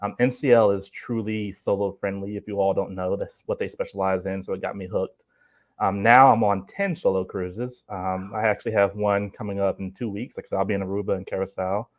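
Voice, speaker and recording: A man with a lowish voice talks as a guest on a casual travel chat. He explains his tips informally, in a loose conversational way. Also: fairly even intonation, brisk. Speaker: guest, solo cruise traveler.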